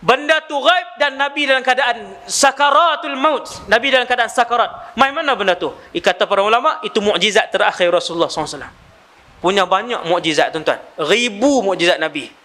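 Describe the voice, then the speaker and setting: A man's voice: high voice, fairly quick, bright, forceful tone. A male Islamic preacher, telling a story in a live lecture and asking his audience rhetorical questions.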